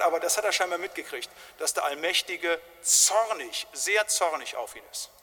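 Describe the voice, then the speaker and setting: A man preaches a sermon in an emphatic, colloquial style, frequently tagging his points with short questions. His voice is a little high, husky, bright and pushed, and the recording carries the long reverb of a large hall.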